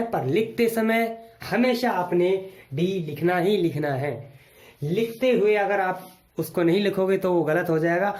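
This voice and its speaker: A man's voice: sits high, darkish tone, roomy sound. A man teaching an English lesson to viewers, spelling words out letter by letter and patiently repeating each rule.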